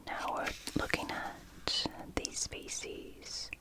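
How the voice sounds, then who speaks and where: ASMR host for book read-through: library whisper, fully unvoiced, unhurried, gentle, short phrases with pauses. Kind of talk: whispered ASMR, reading and commenting on a picture book.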